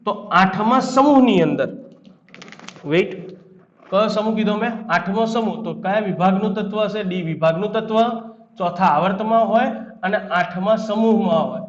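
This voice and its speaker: High-voiced Gujarati man teaching chemistry. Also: moderate pace. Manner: quizzing students, answering his own questions. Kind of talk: classroom lecture. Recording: echoey room, dull lo-fi sound.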